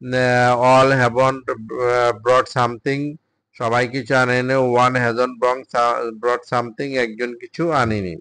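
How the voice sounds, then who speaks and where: A man, a Bengali speaker, teaching English drills by reading each sentence slowly and then translating it. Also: mid-range voice, level tone, fairly bright tone, clean tone, dry recording. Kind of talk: spoken English drill lesson.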